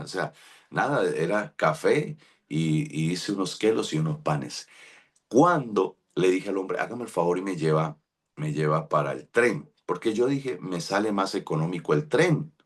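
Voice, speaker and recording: Deep husky Colombian pastor preaching. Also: male voice, big pitch swings, moderate pace. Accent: Colombian Spanish. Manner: storytelling, acts out quoted voices, addresses listeners by name. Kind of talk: sermon with personal story.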